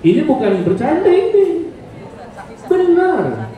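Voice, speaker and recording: A man's voice: very high-pitched, wildly swooping pitch, takes it slowly, narrow, tinny audio, a faint crowd. A man preaching a playful, teasing sermon to a women's study group, often asking the audience to agree. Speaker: Islamic preacher. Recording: very echoey hall, distant mic, faint noise.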